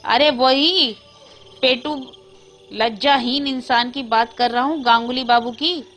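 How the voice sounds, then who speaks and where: A woman takes on a skeptical man who thinks his family has lost its mind. He protests in an exasperated tone, slow and fairly high, with faint music under the storytelling. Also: fairly bright tone. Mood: annoyed. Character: irritated skeptical grown man.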